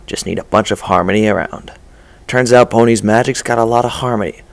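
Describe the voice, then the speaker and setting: A man reading a dark first-person story aloud in a measured, low-key way. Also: gravelly. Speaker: story reader. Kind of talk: first-person fan-fiction narration.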